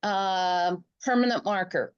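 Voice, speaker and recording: A woman's voice: medium pitch, takes it slowly, smooth, no room sound. A woman offering short remarks in a casual group chat. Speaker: group participant. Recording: dull, lo-fi call audio.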